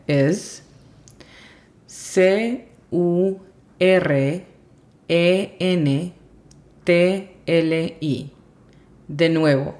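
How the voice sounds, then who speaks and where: Slow, low-voiced woman teaching a lesson. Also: a little mellow. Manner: patient, spells words out letter by letter. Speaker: English teacher and podcast host. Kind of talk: scripted language lesson.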